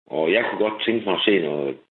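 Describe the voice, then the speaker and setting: A man's voice: low-pitched, lively intonation, breathy edge. A man calling in to a radio show, rambling and joking and laughing at his own ideas. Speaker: caller. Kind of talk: casual radio chat. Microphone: phone. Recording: tinny phone line.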